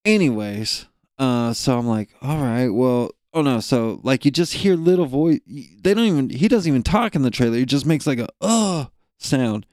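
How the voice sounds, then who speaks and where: A man's voice: mid-range voice, animated, moderate pace, darkish tone, no room sound, studio quality. A young man co-hosting a podcast, ranting in a profane, rambling, jokey way. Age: young adult. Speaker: podcast co-host. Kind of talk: casual rant.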